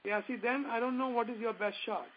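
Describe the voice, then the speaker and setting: Man, North Indian accent, high-pitched, reassuring call-in host, plain-spoken, dull lo-fi sound. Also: fairly even intonation, a little fast. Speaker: host of a call-in advice session. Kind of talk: advisory call-in talk. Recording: dull radio-like sound with faint noise.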